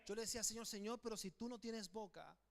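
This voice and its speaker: A male pastor preaching a sermon to his congregation, with a notably high-pitched voice. He calls on the listeners to repeat after him, shouting some phrases and slowing others into a near hush. His tone is emphatic throughout. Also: gravelly. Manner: swings between loud declarations and quiet, slowed phrases. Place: church sanctuary with congregation.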